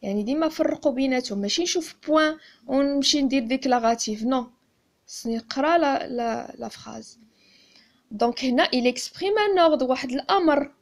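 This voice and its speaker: A woman with a Moroccan accent teaching a grammar lesson, speaking slowly and deliberately and repeating key terms. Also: sits high. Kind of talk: classroom-style grammar lesson.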